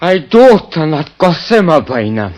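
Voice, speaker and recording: A man's voice: fairly high pitch, sing-song, normal speed, a little mellow. A lovesick sighing barman. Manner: sighing, yearning, rising to cries. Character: lovesick male publican, sighing and smitten.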